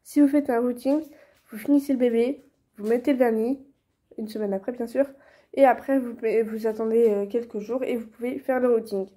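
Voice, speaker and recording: A young woman, chatting casually through a how-to tutorial, filling pauses with many hesitations and restarts. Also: on the high side, steady tone, warm tone. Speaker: vlogger teaching reborn doll painting.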